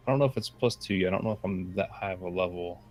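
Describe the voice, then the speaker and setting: A man's voice: low-pitched, quick pace, darkish tone, faint music behind. A man playing a tabletop game, talking in an unsure, hesitant way. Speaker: player. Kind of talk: casual tabletop game talk.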